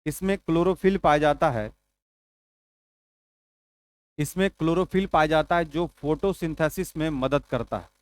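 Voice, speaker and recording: A man's voice: fairly high pitch, a little slow, long pauses, clean tone, no room sound. A male teacher giving an exam-prep biology lecture, repeating key points and dictating notes, asking and answering his own questions.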